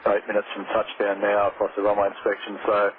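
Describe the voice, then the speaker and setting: A male air traffic controller gives explanations and instructions at a brisk pace. His fairly low voice is heard over a noisy, band-limited radio. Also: completely flat delivery, phone-quality sound.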